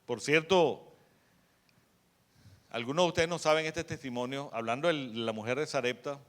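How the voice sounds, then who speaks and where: A man preaching a sermon as pastor of a church, sharing a testimony, swinging from soft to loud. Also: mid-range voice, normal speed. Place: church in Miami.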